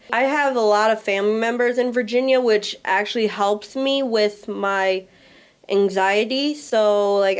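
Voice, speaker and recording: A woman's voice: mid-range voice, clear, resonant tone. A woman in her twenties, from Russia, telling her own life story candidly in a chatty way, with many "like" fillers. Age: 20s. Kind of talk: personal spoken storytelling.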